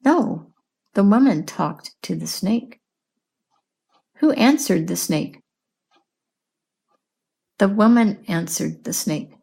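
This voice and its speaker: A woman teaching English in a slow, clear lesson, patiently asking questions and repeating answers. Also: medium pitch, lively intonation, mellow. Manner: patient, repeats and explains words.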